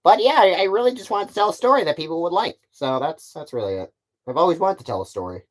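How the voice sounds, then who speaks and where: A man's voice: high-pitched, very animated, fast talker. A man chatting casually on a live stream, rambling with many stammering restarts. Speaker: puppet channel creator.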